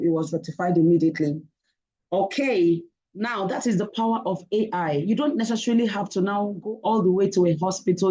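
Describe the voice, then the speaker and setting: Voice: medium pitch, a little mellow, low-quality recording. An online webinar presenter talks the audience through a topic one step at a time. The delivery leans on check-ins like "okay?" and the odd filler, in an explanatory, teacherly way.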